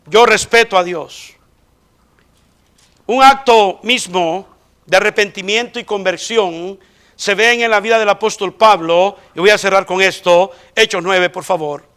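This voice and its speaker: A male pastor preaching a sermon in a church, emphatic and rising sharply in pitch when he quotes voices. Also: measured pace, pauses often, fairly bright tone, smooth. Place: church sanctuary.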